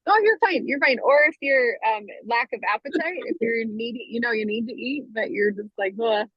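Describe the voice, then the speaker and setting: Husky woman chatting, dull audio. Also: fairly high pitch, brisk, no echo. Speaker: group participant. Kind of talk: casual chat.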